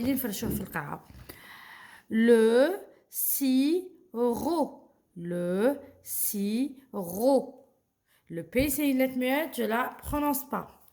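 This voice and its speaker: A young woman with an Algerian accent teaching children to read, spelling words out slowly and carefully and checking in with them often. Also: fairly high pitch. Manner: slow, carefully spelled-out pronunciation with friendly check-ins. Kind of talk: children's reading lesson.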